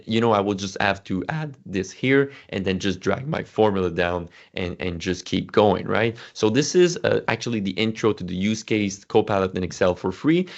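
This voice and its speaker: This Excel instructor, whose first language is French, has a lowish voice, and the recording's high frequencies are cut off. He leads a casual screen-share walkthrough of a spreadsheet demo, self-correcting as he goes, with frequent fillers and restarts.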